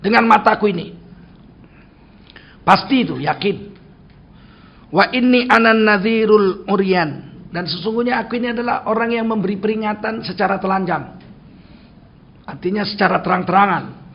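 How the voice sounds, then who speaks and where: Blunt Medan-accented older preacher, high voice. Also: male voice. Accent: Medan Indonesian. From Sumatra. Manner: blunt, animated storytelling, acting out dialogues. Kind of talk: sermon. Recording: dull lo-fi recording with faint noise.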